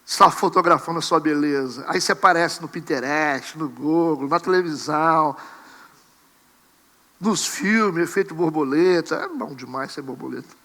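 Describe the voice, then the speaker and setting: Man, pastor preaching, lively sermon, bright forceful voice, high-pitched. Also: normal speed, in a large hall. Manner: animated, acts out congregants and mimics camera clicks. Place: church sanctuary.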